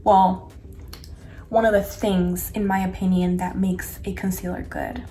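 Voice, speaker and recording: Chatty woman with a mellow voice. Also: on the low side, little pitch movement, unhurried, slight background noise. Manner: chatty, filler-heavy, addresses viewers directly. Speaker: makeup vlogger. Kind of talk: casual product review.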